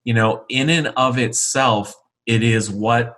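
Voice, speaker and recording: A man talking on a podcast as a regular guest, explaining things in a measured way. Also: mid-range voice, fairly even intonation, a bit bright. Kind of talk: casual podcast conversation.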